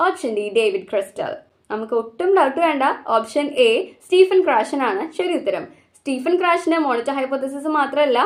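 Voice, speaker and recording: A woman with a Malayali accent walks through exam questions as a teacher. Her voice sits high, and she reads each question slowly before explaining the answer quickly. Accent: Malayali English. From Kerala, India.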